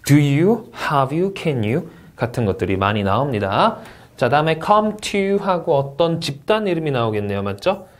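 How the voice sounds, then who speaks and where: Lively male exam-prep instructor. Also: a little high. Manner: lively teacherly delivery, frequent "자" and rhetorical questions; reads English model answers slowly and carefully. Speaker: TOEIC Speaking instructor. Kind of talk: exam review lecture.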